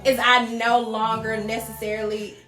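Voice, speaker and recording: Frank, emphatic woman in her late thirties, high-pitched, echoey room with faint music. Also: level tone, moderate pace, a bit bright. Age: 30s. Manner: frank, emphatic, repeats points. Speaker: guest, spa owner. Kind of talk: casual chat.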